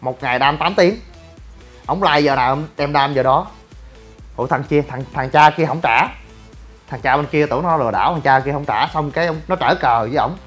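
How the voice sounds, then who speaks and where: A man's voice: a little high, a little fast, fairly bright tone, soft background music. A young man, talking bluntly and brashly in a rambling livestream monologue. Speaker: gym owner and online personality.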